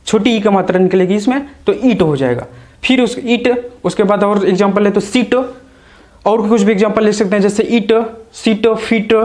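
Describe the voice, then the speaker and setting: A man with an Indian accent teaches English letter sounds in a fairly high voice. He sounds out each letter, then repeats every example word slowly and deliberately. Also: a little mellow. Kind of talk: spoken English phonics lesson.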